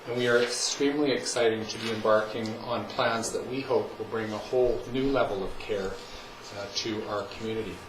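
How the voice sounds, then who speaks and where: A man giving an earnest, measured prepared speech to a town council, with a few ums. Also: fairly low pitch, fairly even intonation. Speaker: hospital representative addressing council. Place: council chamber. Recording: distant mic in echoey chamber with noise.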